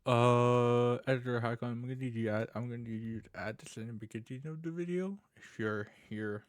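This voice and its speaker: Introducing himself on his vlog, this streamer and content creator from Canada talks in a mid-range voice with a slushy lisp and slightly slurred speech. He speaks casually and haltingly, frequently repeating phrases.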